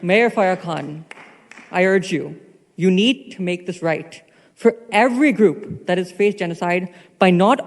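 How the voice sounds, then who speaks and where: A man reading a prepared statement during public comment at a city council meeting, earnest in manner. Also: high voice. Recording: long hall reverb.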